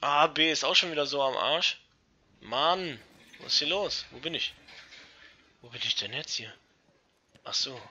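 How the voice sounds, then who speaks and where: A young man giving casual, excitable commentary over an online shooter match, swearing and talking to his viewers. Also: a little high, a little slow, long pauses, slight background noise. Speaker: let's play gamer. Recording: dull lo-fi gaming mic.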